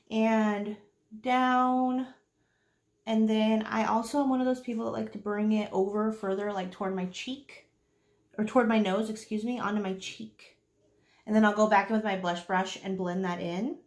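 A beauty vlogger in her thirties chats casually on camera through a makeup tutorial in a small room at home, repeating herself for emphasis. Her mid-range voice has fairly even intonation and a moderate pace, and the home recording sounds roomy with faint noise.

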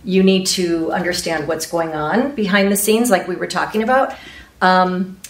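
Here the woman's voice sits on the low side, with fairly even intonation and normal speed. She's a Spanish-speaking real estate agent from Ecuador in her forties, earnestly responding in a panel interview and gesturing as she explains, in a meeting room with a large screen behind her. Recorded on a distant camera mic, the sound is echoey and carries faint noise.

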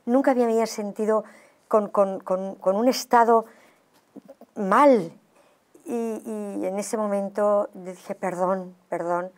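A woman giving her personal testimony in an interview. She tells it as an animated story and acts out the dialogue. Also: medium pitch, slow.

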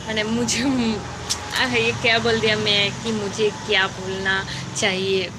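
A young Bengali woman, a native Bengali speaker with a Bengali accent, hosts a casual live stream and chats with viewers in halting, broken Hindi, often searching for words. Her voice is medium-pitched and flat, with a noisy background.

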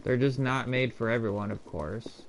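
A man's voice: medium pitch, normal speed, slight background noise. A man streaming gameplay live, reacting with frustrated outbursts and a lot of swearing. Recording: game music playing behind.

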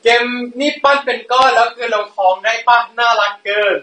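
A man's voice: very high voice, fairly quick, pushed and bright. A man hosting a casual live stream, playful and giggly, often breaking into laughter. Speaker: livestream host. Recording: echoey room, mic at a distance.

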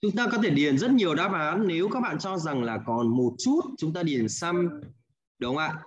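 A man's voice: fairly high pitch, lively intonation, normal speed, husky, muffled recording. A man with a Hanoi accent teaching an English class, patiently repeating answers and checking in with the students. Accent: Hanoi Vietnamese. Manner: patient, repeats answers, ends with "đúng không ạ?". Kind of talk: online class, guiding students through exercises.

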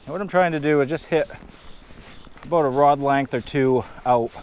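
A man's voice: medium pitch, normal speed, a little mellow. A man with a New England accent giving upbeat play-by-play of his fishing on a river, filmed on a head-mounted camera. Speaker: fishing vlogger. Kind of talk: casual outdoor narration to camera. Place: outdoors on a rocky riverbank. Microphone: head-mounted action camera. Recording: faint river and wind noise.

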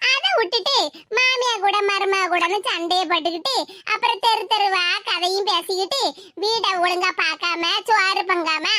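A woman's voice: extremely high pitch, pushed and bright, slight background noise. A woman voicing a proud young married woman in a cartoon, lecturing self-righteously in a Tirunelveli Tamil accent. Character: young wife, proud and newly respectable.

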